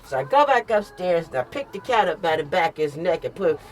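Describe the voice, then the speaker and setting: An older woman chatting casually and telling stories in an animated, emphatic way, repeating phrases for comic effect. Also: lowish voice, fairly quick. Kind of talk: casual storytelling chat. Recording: noisy with clear vehicle and street sound.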